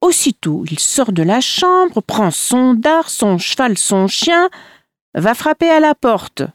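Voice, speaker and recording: A woman reading folk tales aloud in a measured, expressive storytelling manner. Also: fairly high pitch, no echo, clean studio sound.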